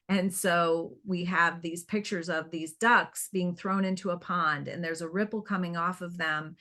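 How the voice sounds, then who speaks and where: Woman storyteller in an interview. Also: on the low side. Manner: animated, acts out quoted dialogue. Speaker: guest, nonprofit founder.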